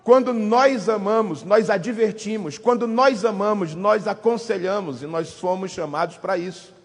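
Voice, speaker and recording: A man preaching a sermon to his congregation, building to emphatic repeated phrases and dropping into soft tender asides. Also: normal speed, faint music behind. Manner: softens into low tender asides when voicing fatherly love. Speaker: pastor. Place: church sanctuary. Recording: husky voice with long hall reverb.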